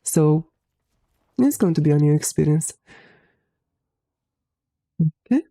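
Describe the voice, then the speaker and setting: Young woman game streamer; slightly hoarse, gravelly, warm tone; laid-back chat with a few swear words. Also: deep voice, expressive, takes it slowly, no room sound. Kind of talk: casual live-stream chat.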